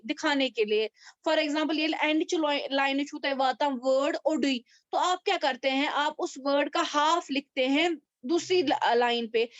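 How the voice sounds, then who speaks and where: A high-pitched woman teaching a class over a video call, patient and explanatory as she slips English terms into her talk. The sound is dry and a little muffled, like a laptop call. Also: no echo. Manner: explains slowly, mixing English terms into Hindi and switching to Kashmiri. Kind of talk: online class lesson.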